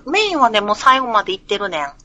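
Giggly woman, bright and lively. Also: mid-range voice, rapid-fire, a little hiss or hum. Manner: laughs often, hesitant and giggly. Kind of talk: casual chat about a video game.

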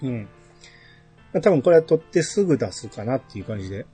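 A man's voice: mid-range voice, very animated, fast talker, mellow, faint music behind. A man chatting casually as the host of a podcast. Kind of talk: casual chat.

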